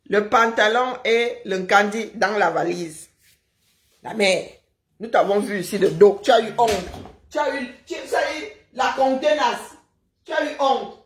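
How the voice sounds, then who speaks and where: Mocking woman taunting a rival. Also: medium pitch. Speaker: live stream participant. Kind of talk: heated online argument.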